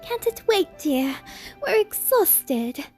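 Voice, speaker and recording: A woman's voice: very high voice, very animated, slow pace, faint music behind, voice pushed up, exaggerated voice. A woman voicing a fussy, easily disgusted female pony in a story, dramatic and complaining.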